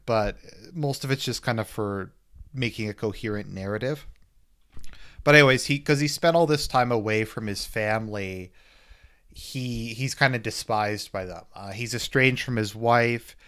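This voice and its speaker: A man's voice: mid-range voice, fairly bright tone, smooth. A man giving a loose, casual spoken movie review as he rambles through the plot. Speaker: film reviewer.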